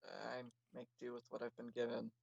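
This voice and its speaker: Brief: a man voicing a reserved, guarded young man, plain and slightly gravelly. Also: medium pitch, flat delivery, moderate pace, darkish tone, no room sound, dull audio.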